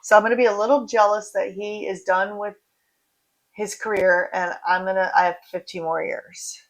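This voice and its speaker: A woman's voice: mid-range voice, fairly even intonation, normal speed. A woman in her forties hosting a casual livestream, reading out viewer comments and chatting in a rambling way, drifting off into asides. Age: 40s.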